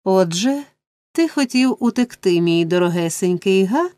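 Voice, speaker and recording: A crafty old man who runs a gang of thieves, sneering and quietly menacing, as a woman reader voices him. The voice stays mellow and the sound dry and close. It is a storybook reading. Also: medium pitch, lively intonation, a little slow, dry recording, natural voice. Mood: mocking menace. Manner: sneering, mocking. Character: sly old male thief boss, mocking and menacing.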